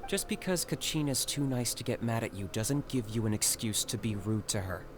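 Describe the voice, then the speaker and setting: A man voicing a calm, stern young man in a video game, who speaks in a dry, level, reproachful way. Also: medium pitch, moderate pace, noisy background, lightly acted.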